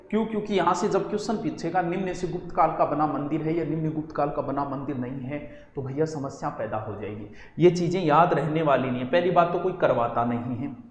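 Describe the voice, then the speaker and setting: A man's voice: high voice, echoey room, big-room sound. A man teaching an exam-coaching lecture, who keeps asking questions and then answering them himself. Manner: lively, asks and answers his own questions.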